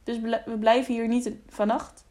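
A woman's voice: a little high, level tone, normal speed, mellow, natural voice. A woman reading the lines of a curious, eager young male traveler in an audiobook. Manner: eager, wondering.

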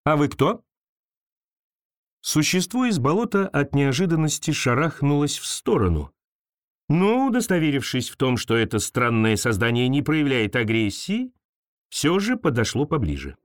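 A man narrates a storybook tale with a lively, rising and falling voice, pitched a little high. His reading is expressive. It sounds close and dry, with no room around it. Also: normal speed, dry recording. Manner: expressive, varied. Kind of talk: scripted fairy-tale narration.

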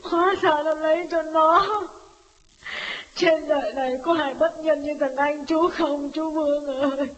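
A woman's voice: high voice, steady tone, unhurried, lo-fi sound. Woman voicing a furious betrayed village wife. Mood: lamenting. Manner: screaming insults and wailing in tears. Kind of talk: audiobook drama voice.

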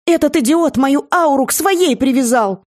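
Woman doing a shrill furious young seer. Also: lively intonation, normal speed. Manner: indignant shouting. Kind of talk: audiobook character voice.

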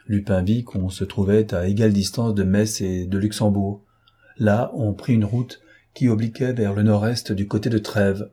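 A man narrating a novel as an audiobook, in steady, measured storytelling. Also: lowish voice, husky.

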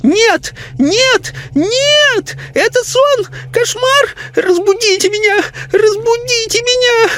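A man voicing a frightened, bossy elderly lady spirit who talks in a shrill, panicky, scolding way. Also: big pitch swings, takes it slowly, exaggerated voice. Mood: panicked.

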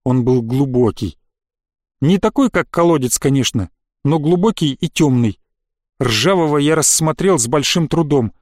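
High-voiced man narrating a story. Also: moderate pace, dry recording, studio quality. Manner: lively, expressive storytelling. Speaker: audiobook narrator. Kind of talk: scripted first-person narration.

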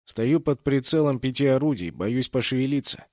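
A man's voice: mid-range voice, expressive, moderate pace, dry recording, close to an everyday voice. Man acting a brash spaceship captain, dry recording. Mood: tense, gloomy. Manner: brash, teasing. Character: wry, bold male spaceship captain, teasing. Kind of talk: audiobook character voice.

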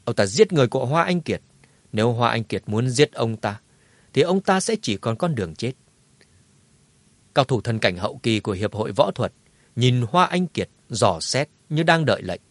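A man narrating a martial arts novel in a dramatic, lively telling. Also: medium pitch, moderate pace, dry recording. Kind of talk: scripted audiobook narration.

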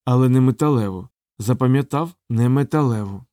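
A man's voice: medium pitch, a little fast, dark tone, no room sound, studio quality, lightly acted. A man voicing a fussy, worried older male sergeant of the city watch. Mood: fretting.

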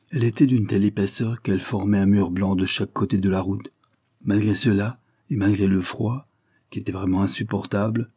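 A man reading a novel aloud in measured, solemn narration. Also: fairly low pitch, warm tone, slightly rough, no echo, studio quality. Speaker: audiobook reader. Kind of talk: scripted narration.

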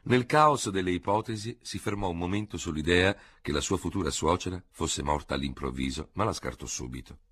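A man narrating a literary audiobook in an expressive, measured way on a close studio mic. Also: deep voice, husky, dry recording.

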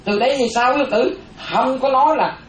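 A Buddhist monastic woman, giving a lively dharma talk and often asking the audience questions. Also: high voice, brisk, slight background noise. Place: hall with a seated audience. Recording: roomy, dull sound with faint audience.

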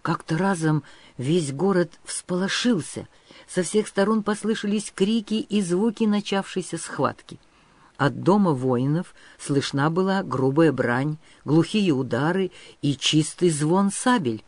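A man narrating a historical novel as an audiobook, in a measured, expressive storytelling voice. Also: fairly high pitch, no room sound.

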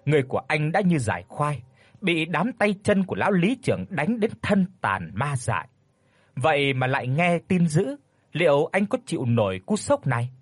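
A man narrating a horror story in a dramatic, expressive storytelling manner. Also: fairly high pitch, moderate pace, breathy edge, no room sound.

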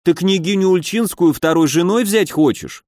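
Guy playing a hotheaded young noble, loud and indignant, dry recording. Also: high-pitched, normal speed, no echo, voice pushed up, close to an everyday voice. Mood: angry. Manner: shouting, indignant. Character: hot-headed young male nobleman.

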